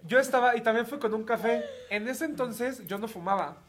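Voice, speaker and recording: A man with a Mexican accent, co-hosting a podcast and telling a story in an animated, joking way, swearing freely. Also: extremely high pitch, brisk. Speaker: podcast co-host. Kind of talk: casual chat, storytelling.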